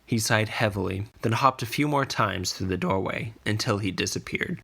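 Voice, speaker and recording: With a low, gravelly, creaky voice, a man narrates a scripted fantasy adventure for a podcast. He keeps his sentences measured and deliberate, and his tone comes across bright and forceful.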